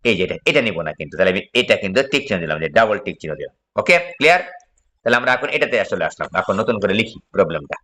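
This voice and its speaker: A man's voice: deep voice, sing-song, very fast, sharp tone. A man, a physics teacher giving a classroom lecture. He explains step by step, asks his students questions and repeats the key phrases.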